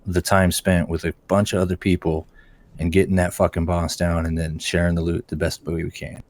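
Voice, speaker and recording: A man's voice: low-pitched, little pitch movement, brisk, a little mellow. A man leading a casual voice-chat guild meeting as raid leader, talking bluntly and swearing freely. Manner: blunt and profane.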